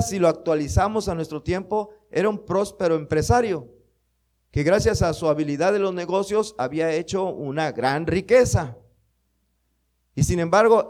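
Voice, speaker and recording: Male preacher, unhurried emphatic sermon delivery with a somewhat high voice. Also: darkish tone. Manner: slow, emphatic preaching with rhetorical questions.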